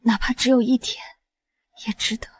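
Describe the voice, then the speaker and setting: A woman voicing a devoted young healer who talks softly and earnestly. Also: fairly high pitch, flat delivery, moderate pace, husky, dry recording, clean studio sound. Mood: tender. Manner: soft, earnest and caring.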